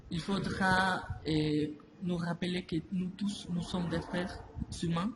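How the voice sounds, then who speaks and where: This is a hesitant interview answer from a Spanish-speaking man, delivered slowly with frequent stops, restarts and filler words. His pitch runs a bit high, and steady background noise carries through the recording.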